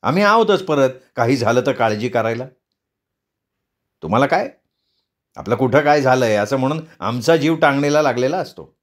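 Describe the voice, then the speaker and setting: A man's voice: medium pitch, expressive, normal speed, long pauses, natural voice. A man voicing an impatient grown son who scolds his mother, in a read-aloud story. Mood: scolding. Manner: scolding, nagging.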